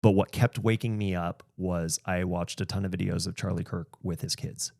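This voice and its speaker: A man's voice: deep voice, steady tone, normal speed, gravelly, a little mellow, no room sound, studio quality. A man in his thirties, a podcast host talking candidly in casual conversation and laughing often.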